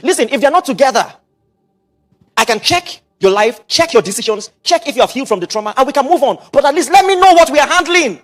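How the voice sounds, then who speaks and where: A middle-aged Nigerian man preaching a sermon, mixing in Pidgin asides and quick repetitions. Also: very high-pitched, lively intonation, fairly bright tone. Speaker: pastor.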